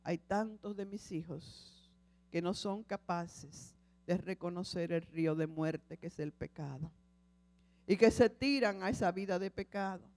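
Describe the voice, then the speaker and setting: The voice of the Lord speaks low, soft and unhurried, almost begging, as a woman preacher puts Him on. It is gentle and tender within a sermon story. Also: natural voice. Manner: soft, slow, imploring.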